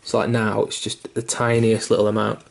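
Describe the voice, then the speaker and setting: Low, flat-voiced man teaching painting. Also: a little fast, gravelly. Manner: loose and rambling, full of fillers and restarts; mildly self-deprecating and sweary. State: hiccuping. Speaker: miniature painting tutor. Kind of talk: casual painting tutorial.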